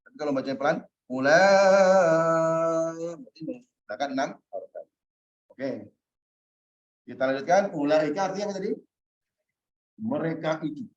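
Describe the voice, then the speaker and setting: Male language teacher, slightly high voice, patient step-by-step explainer, roomy lo-fi class recording. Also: brisk, long pauses, darkish tone. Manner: explains step by step, checks with students, chuckles. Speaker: Arabic teacher. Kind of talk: online class lesson. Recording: roomy, muffled lo-fi sound.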